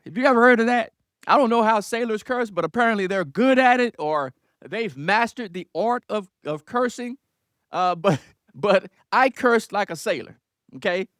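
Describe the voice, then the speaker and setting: A man tells his own faith story in an earnest, reflective way. His voice rises and falls across a lively range, and he now and then asks the listeners a question. The sound is dry, with no room echo. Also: high voice. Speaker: speaker giving testimony. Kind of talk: personal testimony storytelling.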